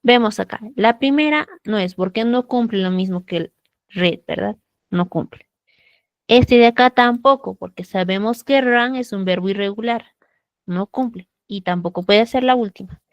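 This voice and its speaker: Using a computer mic on a video call, a woman runs an online English grammar lesson in Peruvian Spanish at a moderate pace. Her voice sits at medium pitch, the audio is dry with the upper frequencies clipped, and she keeps confirming comprehension through patient tag questions.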